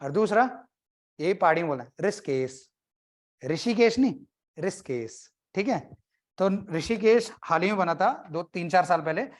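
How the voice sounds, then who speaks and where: A male coaching teacher gives an exam-prep lecture. He keeps it loose and conversational, firing quick questions at the class and slipping in jokes between the facts. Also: high voice, lively intonation. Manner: conversational, quizzes students and jokes.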